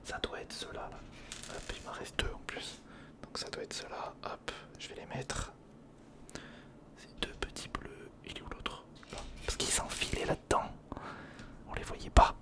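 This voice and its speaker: An ASMR video host whispers unhurriedly, pausing often, as he does a casual, improvised build-along. The man's breathy, mostly voiceless voice drifts between hesitant muttering to himself and talk directed at the viewer.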